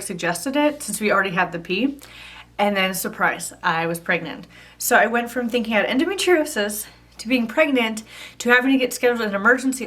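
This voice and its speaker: A thirty-year-old woman vlogs, telling a personal story in a chatty, casual way and saying "like" throughout. Her voice is mid-range and a bit bright.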